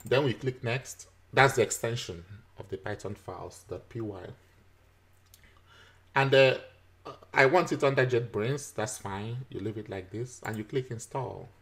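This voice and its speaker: A man walks through a screen-recorded software tutorial, patiently explaining each step with frequent fillers and chuckles. His mid-range voice is creaky and a little slow.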